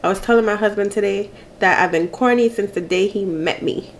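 A woman's voice: medium pitch, normal speed, a little hiss or hum. A woman, chatting playfully and laughing often as she answers get-to-know-me questions while eating. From Jamaica. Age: 30s. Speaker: mukbang vlogger.

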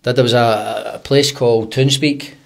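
A man with a broad Glaswegian Scots accent and a husky voice, telling comic anecdotes in casual, sweary slang on a close studio mic. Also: medium pitch, steady tone, normal speed. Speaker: podcast guest, comedy writer and actor. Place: small podcast studio. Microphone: close studio condenser on arm.

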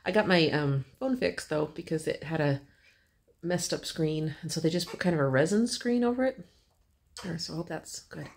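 A woman in her fifties chatting to a phone camera at home while babysitting, doting and quick to laugh. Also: deep voice, expressive, creaky, a little mellow, a little hiss or hum. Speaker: grandmother vlogger. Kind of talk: casual chat to camera.

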